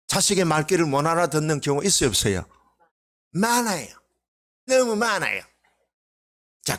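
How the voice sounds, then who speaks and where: A male pastor preaches on Sunday in the church sanctuary, throwing rhetorical questions at his congregation. His delivery alternates between booming exclamations and quiet, low asides.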